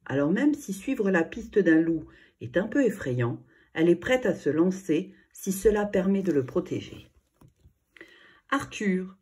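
Expressive woman reading a children's book. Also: medium pitch, husky. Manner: expressive storytelling. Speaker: narrator. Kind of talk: children's audiobook narration.

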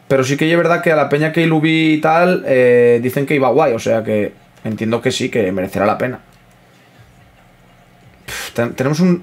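A man commentating his own football video game, excitable, swearing freely and talking to his chat. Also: on the high side. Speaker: gaming streamer. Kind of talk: live gameplay commentary.

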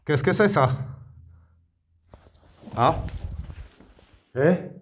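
A man from Morocco narrating a night exploration of an abandoned house, speaking in hushed tones, often whispering and murmuring Arabic invocations. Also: fairly high pitch, animated, very slow. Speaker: paranormal explorer.

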